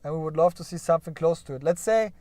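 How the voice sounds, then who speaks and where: A fast-talking stock market streamer with a fairly high voice and dark tone is heard in a dry recording. He riffs on company earnings live over a shared screen, thinking out loud, hedging with "yeah?", and jokingly threatening to cry at the results.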